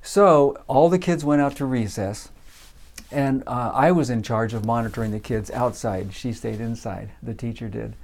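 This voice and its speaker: A man telling a personal story in a relaxed, casual way, with frequent fillers. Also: medium pitch, moderate pace, vocal fry. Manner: relaxed, many uh fillers, acts out voices in quotes.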